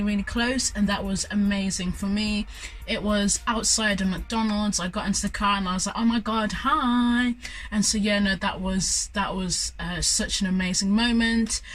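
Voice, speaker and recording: A woman's voice: medium pitch, fairly bright tone, rough recording. A young woman from Zimbabwe, telling stories in an enthusiastic, gushing vlog chat full of fillers. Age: young adult. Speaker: student vlogger. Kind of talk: casual vlog storytelling.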